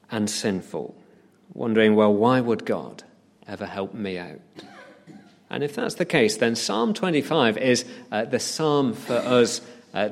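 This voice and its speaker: A man preaching in a church hall, telling a vivid story with frequent "uh" fillers. His voice carries a long reverb from the room. He slows down to stress key words. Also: medium pitch, creaky. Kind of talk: sermon.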